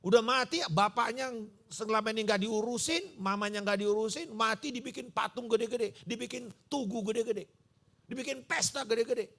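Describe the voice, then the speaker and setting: A man's voice: very high-pitched, normal speed, gravelly. A male pastor preaching a sermon, telling stories and acting out the dialogue in them. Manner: animated storytelling, acting out dialogue. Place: church service.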